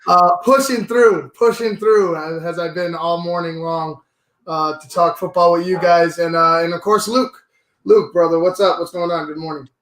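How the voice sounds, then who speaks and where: Hungover man hosting, high-pitched voice. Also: level tone, normal speed, a bit bright, echoey room, low-quality recording. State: hungover with a slight headache. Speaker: sports podcast host. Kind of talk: casual sports podcast chat.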